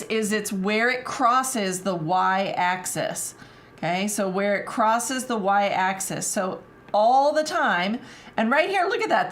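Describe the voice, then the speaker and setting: A woman's voice: mid-range voice, fairly bright tone. A woman tutoring math live, talking casually with lots of fillers. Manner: casual, chatty, many fillers.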